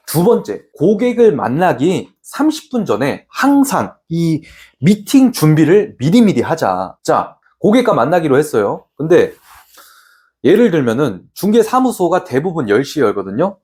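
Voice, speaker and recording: A man's voice: fairly high pitch, a little mellow. A man who works as a real estate agent gives an instructional talk to other agents, bluntly and with slang, asking rhetorical questions and answering them himself. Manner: slangy and plain-spoken.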